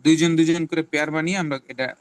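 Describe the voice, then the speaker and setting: A man's voice: fairly high pitch, steady tone, very fast, smooth, no room sound. A man from Bangladesh whose first language is Bengali, teaching an English class. He repeats words again and again for drilling and switches languages mid-sentence.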